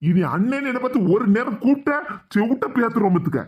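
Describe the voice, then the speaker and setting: A performer voicing a gruff, hot-tempered father-in-law in a cartoon, scolding in a Tirunelveli Tamil accent. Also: medium pitch, lively intonation, fast talker. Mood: angry. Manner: scolding, shouting orders. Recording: dull lo-fi sound.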